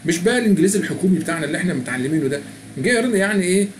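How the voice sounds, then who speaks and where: Here the Egyptian-accented, middle-aged tutorial presenter has a high, animated voice and talks rapid-fire, with a little hiss or hum in the recording. He chats through a language app on screen and reads its prompts aloud.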